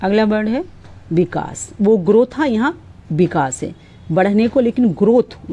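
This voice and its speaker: Low-toned mellow woman teaching vocabulary. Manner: slow, careful reading of example sentences. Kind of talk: explaining word meanings.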